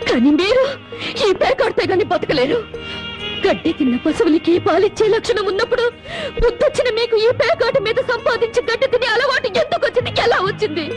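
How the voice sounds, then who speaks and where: Brief: young wife, very high voice, tearful and scolding, film melodrama, soft score under. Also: female voice, lively intonation, brisk, faint music behind. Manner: reproachful, tearful, sarcastic. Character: wronged young wife, bitter and grieving. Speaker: film actress. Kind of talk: Telugu film melodrama acting.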